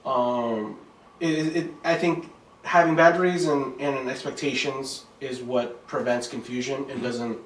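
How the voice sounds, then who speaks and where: A man from Maryland, a guest on a podcast, speaking in a relaxed, loose way with many fillers. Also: medium pitch, measured pace, reverberant, recorded from a distance, poor audio. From Maryland, USA. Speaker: podcast guest, remodeling business owner. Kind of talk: casual interview chat.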